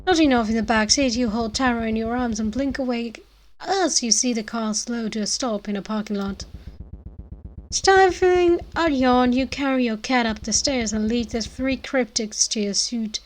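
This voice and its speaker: Higher-pitched woman narrating a dramatic story. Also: moderate pace, rough recording.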